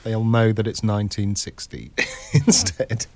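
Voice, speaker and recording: A man hosting an interview over a video call who keeps his questions short and offers quick, encouraging affirmations. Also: fairly low pitch, fairly even intonation, a little mellow, no room sound. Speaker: interviewer, podcast host.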